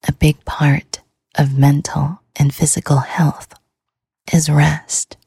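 Female sleep-podcast host; slow, soothing whisper, gravelly and mellow. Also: low voice, level tone, no echo. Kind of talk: whispered ASMR sleep talk.

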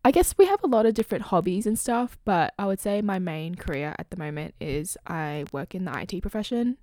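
A woman's voice: fairly low pitch, sing-song, fairly quick, a little mellow, no room sound, clean studio sound. A woman in her twenties with an Australian accent, co-hosting a podcast in casual, joking chat with many fillers. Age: 20s. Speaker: podcast co-host.

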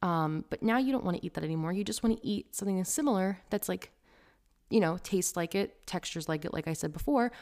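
A young woman who is a vegan food blogger, chatting casually to camera in an animated, ranting way full of "like" fillers. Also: medium pitch.

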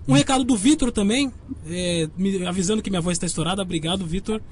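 A man's voice: sits high, fast talker, background noise. A man with a Brazilian accent hosting a live web radio show, his voice clipping and distorted on an overdriven microphone as he chats casually and reads out listener messages. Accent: Brazilian Portuguese.

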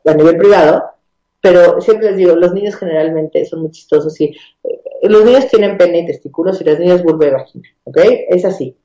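A Mexican woman talks through a topic in a relaxed, explanatory way. Her voice is mellow and dark, and the room adds a noticeable echo. She restarts phrases often and checks in with little tag questions. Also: on the low side, brisk. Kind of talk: casual conversational explanation.

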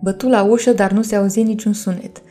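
A woman narrates a bedtime story in a gentle, mellow voice with a dark tone. She reads steadily, speaking warmly to her listeners. Faint music plays behind her. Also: medium pitch, steady tone. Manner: gentle, addresses listeners as dears.

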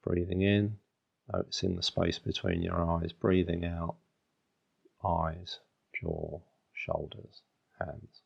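Low, gravelly man guiding a meditation. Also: level tone, highs cut off. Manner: soothing, unhurried instruction in short phrases with long pauses. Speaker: meditation guide. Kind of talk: guided meditation.

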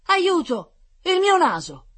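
A storyteller voicing a panicked gentleman who has lost his nose, crying out in high, shrill shouts. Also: huge pitch swings, moderate pace, creaky, husky, heavily acted. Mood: frantic.

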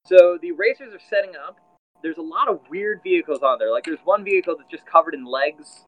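A man's voice: on the high side, lively intonation, a little fast. A man running a tabletop role-playing game as game master, narrating casually with many fillers. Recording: dull lo-fi sound with faint music.

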